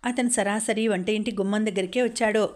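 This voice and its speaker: A woman reading a novel aloud as an audiobook narrator, with a steady, measured delivery. Her pitch sits in a middle range and barely moves, giving a flat, even read.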